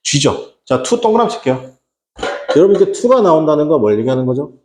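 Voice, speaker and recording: A man's voice: on the high side, sing-song, fast talker, roomy sound, noisy background. A man teaching English exam prep in Korean, asking rhetorical questions and answering them himself, with casual slang asides. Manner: rhetorical questions, repeats "어떻게 한다?".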